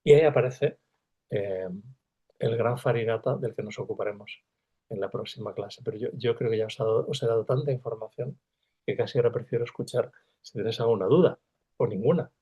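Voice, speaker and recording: A man, a literature professor from Spain, lecturing over a video call and acting out the quoted lines with big jumps in pitch. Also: a little fast, husky. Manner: animated, acts out quoted dialogue with sudden pitch jumps.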